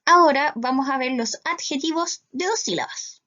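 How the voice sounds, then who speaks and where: A woman's voice: sits high, moderate pace, sharp tone, highs cut off. A Chilean woman teaching English to schoolchildren in a recorded class, explaining step by step and often checking with "¿cierto?". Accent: Chilean Spanish.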